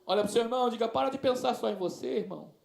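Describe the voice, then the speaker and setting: Brazilian pastor, high-pitched, fervent sermon in a roomy church. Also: male voice, rapid-fire, creaky. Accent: Brazilian Portuguese. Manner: tender storytelling with many diminutives, building to loud fervent preaching. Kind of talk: sermon with storytelling. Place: church sanctuary. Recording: echoey church sound.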